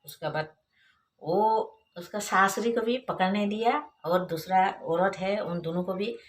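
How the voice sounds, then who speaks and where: A woman with an Assamese accent whose first language is Assamese, recounting a personal story unhurriedly, filling pauses with hmm and haan. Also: mid-range voice, slight background noise. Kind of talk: personal anecdote.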